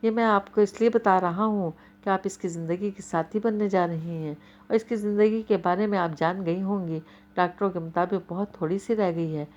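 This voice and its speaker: A woman's voice: mid-range voice, steady tone, darkish tone, muffled recording, close to an everyday voice. A woman voicing a teasing, earnest young man in a storybook reading, playful at first and then sincere in his advice.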